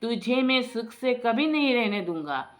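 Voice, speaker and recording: A woman's voice: fairly high pitch, fairly even intonation, slow pace, voice pushed up. A woman voicing a stingy, bullying old father-in-law who scolds and hurls insults in a storytelling video. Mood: furious.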